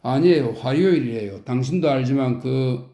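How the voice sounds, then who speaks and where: A man's voice: medium pitch, expressive, normal speed, dark tone, lightly acted. A man voicing a fretful, petty middle-aged wife who pouts and coaxes her husband, in a roomy recording. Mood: insistent. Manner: pouting, coy, slightly whiny. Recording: roomy echo.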